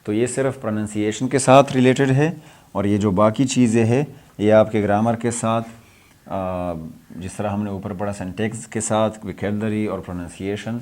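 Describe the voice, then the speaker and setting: A man's voice: on the low side, steady tone, a little mellow. A young adult man from Pakistan, an English lecturer explaining a lesson, repeating points and mixing in English terms.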